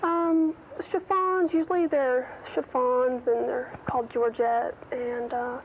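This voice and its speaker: American woman in her 20s chatting as a tv guest, highish voice, old tape with clear hiss. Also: fairly even intonation, slow pace. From United States. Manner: casual, answers in loose run-on sentences. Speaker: fashion designer guest. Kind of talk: studio interview. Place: TV studio. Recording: noisy early-1990s TV audio.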